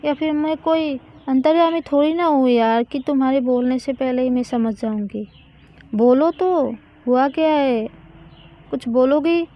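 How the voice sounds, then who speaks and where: A woman's voice: sits high, a little slow, dull audio. A woman voicing a confused young college woman who keeps coaxing her friend to explain. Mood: confused, pleading.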